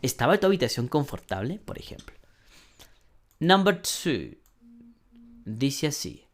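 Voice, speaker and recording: A man teaching an online English lesson, slowly modeling sentences and translating them, often clearing his throat. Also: medium pitch, big pitch swings. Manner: slow, patient explaining, modeling English sentences then translating.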